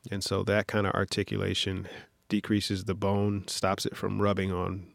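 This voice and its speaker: A man who works as an orthopedic surgeon, from Detroit, explaining things in a measured interview manner with frequent fillers. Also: low voice, completely flat delivery, gravelly, no echo, clean studio sound. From Detroit, USA. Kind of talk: interview conversation.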